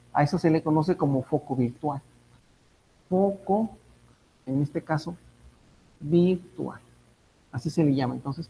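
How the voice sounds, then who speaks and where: A man's voice: fairly high pitch, dark tone, a little hiss or hum, rough recording. A man teaching a physics class, thinking aloud, correcting himself and checking in with his students. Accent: Mexican Spanish. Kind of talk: online class lecture.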